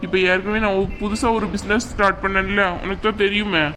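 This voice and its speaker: A woman's voice: medium pitch, flat delivery, brisk, pushed and bright, slight background noise, natural voice. A defeated cartoon father, played by a woman, sounding downcast and apologetic. He speaks heavily, as if weighed down. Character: defeated troubled man, father.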